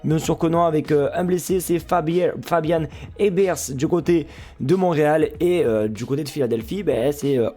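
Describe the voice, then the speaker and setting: A man's voice: on the high side, warm tone. A man from France with a French accent, casually talking viewers through a football pre-match analysis in a jokey, chatty way. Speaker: football fan YouTuber and Twitch streamer.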